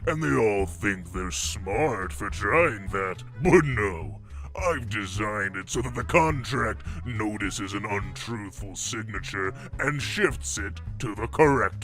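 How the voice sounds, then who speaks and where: A man's voice: lowish voice, sharp tone, exaggerated voice. A man voicing a sly, smug Devil who rules an underworld casino, in a drawling cartoon dub style. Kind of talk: comic dub character acting.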